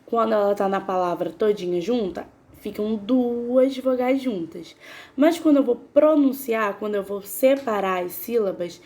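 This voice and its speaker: This woman's voice sits on the high side and has a darkish tone. She teaches grammar patiently, spelling out syllables slowly and questioning the class as she goes.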